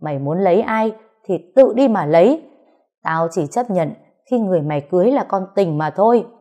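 A woman voicing a stern old father in a read-aloud story, shouting and scolding his son. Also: on the low side, animated, normal speed, dull audio. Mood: furious.

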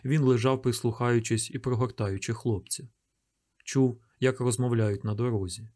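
A man reading an audiobook aloud in a measured, tense storytelling manner. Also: mid-range voice, steady tone, warm tone. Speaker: audiobook narrator. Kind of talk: scripted audiobook narration.

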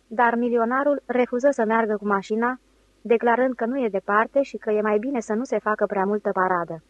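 A woman narrating an audiobook in a measured, even storytelling manner. Her voice is fairly high and close, with no room echo. The recording sounds slightly muffled. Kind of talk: scripted narration.

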